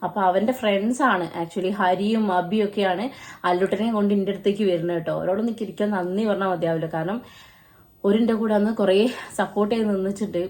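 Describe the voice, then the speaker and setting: A young woman, telling a personal family story in an earnest, halting way with restarts. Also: mid-range voice, darkish tone. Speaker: family vlogger.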